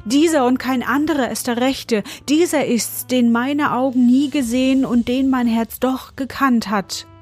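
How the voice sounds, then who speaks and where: A woman voicing a passionate royal mother in a read-aloud fairy tale, her lines pitched higher and exclaimed. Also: fairly quick, few pauses, warm tone, breathy edge, faint music behind, natural voice. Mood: impassioned. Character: passionate queen mother, sultana.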